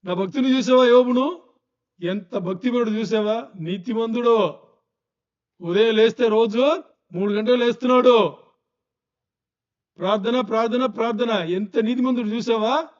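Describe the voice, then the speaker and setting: A male preacher voicing God as a calm male figure who proudly asks his listener to take note of his servant. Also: very high voice, normal speed, long pauses, muffled recording.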